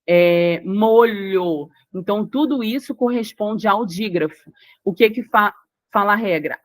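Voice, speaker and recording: Speaking at medium pitch with no echo, a Brazilian Portuguese-accented woman leads a grammar lesson for exam prep. She explains each rule in steps, repeats the key words and checks in to see if the listener follows.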